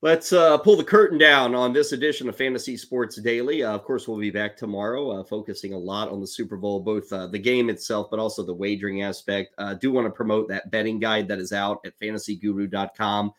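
A man's voice: on the low side, brisk, hardly any pauses. Chatty man co-hosting sports talk. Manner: chatty, laughs often, animated. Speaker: podcast co-host.

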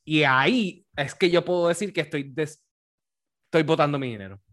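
A man's voice: on the high side, moderate pace, a bit bright. A young man with a Puerto Rican accent, chatty and teasing in a casual podcast conversation. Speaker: podcast co-host. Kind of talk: casual chat.

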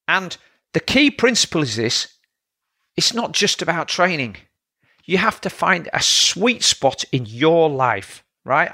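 A man's voice: mid-range voice, bright, forceful tone, no room sound, studio quality. A man, a coach hosting his own podcast, talking through training advice in a plain, lecturing way with frequent "all right?" check-ins. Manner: plain-spoken, lecturing, asks rhetorical checks. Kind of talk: solo podcast monologue.

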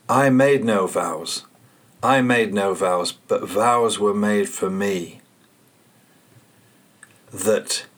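A man hosting a poetry podcast, reading and reflecting on poems in a measured, contemplative way. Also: fairly low pitch, fairly bright tone. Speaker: poet and podcast host.

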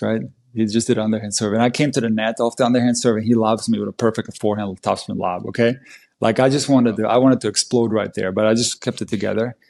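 A man, a tennis coach and podcast guest, tells a match story in an animated, emphatic way. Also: medium pitch. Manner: animated, emphatic play-by-play retelling. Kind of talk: conversational storytelling.

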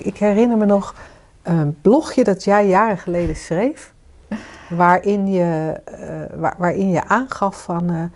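A woman co-hosting a podcast, talking casually and asking listeners questions. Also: medium pitch. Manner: warm inviting, asks listeners questions. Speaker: podcast co-host and coach. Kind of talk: casual conversation with listener invitations.

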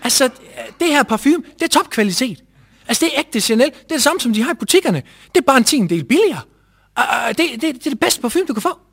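A man voicing his pushy, excited father talking up cheap perfume in a high pleading voice. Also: breathy edge, full character voice.

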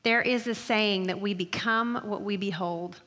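A middle-aged woman giving an earnest, emphatic talk to college students, slowing down to stress key phrases. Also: medium pitch, bright, forceful tone. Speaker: speaker addressing college women. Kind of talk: sermon. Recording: long hall reverb.

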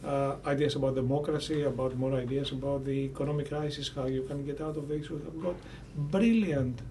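A man from Greece with a Greek accent, answering as an academic in an interview, deliberate and often searching for words. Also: medium pitch, steady tone, mellow. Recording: distant mic with faint background noise.

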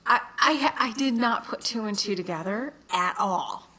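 A woman's voice: medium pitch, normal speed, sharp tone. A chatty woman talking casually, laughing often and restarting her sentences. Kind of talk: casual chat.

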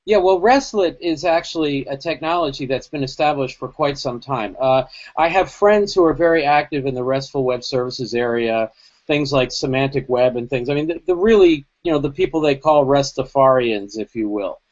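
A man co-hosts a casual tech podcast over a video call, drifting through long, rambling thoughts packed with asides. His mid-range voice moves at a normal speed and is a little mellow, while the call audio is dull and lo-fi.

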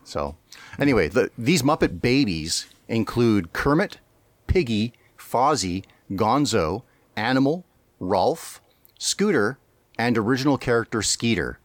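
A man's voice: medium pitch, animated, a little slow, dry recording. A man co-hosting a podcast, chatting casually and rambling with frequent laughs and restarts. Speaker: podcast co-host.

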